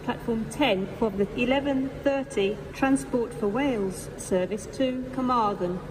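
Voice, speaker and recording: A woman making formal, measured pre-recorded public announcements in the manner of an airport or railway station announcer. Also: fairly high pitch. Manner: measured, formal, item-by-item listing. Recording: noisy station PA with vehicle ambience. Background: train station ambience, vehicles.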